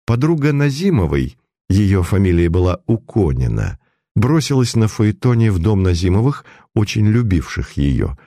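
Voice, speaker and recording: Male storyteller, expressive reading; warm, dark tone, dry close sound. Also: on the low side, normal speed, dry recording. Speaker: audiobook reader. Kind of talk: scripted narration.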